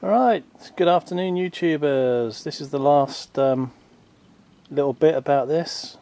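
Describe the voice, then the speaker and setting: A man's voice: a little high, unhurried, warm tone. A man, talking casually and rambling with many ums while filming a boat repair outdoors on a handheld camera. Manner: chatty, rambling, self-deprecating, lots of ums. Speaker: boat renovation vlogger. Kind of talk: casual how-to commentary. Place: outdoors in a garden workshop.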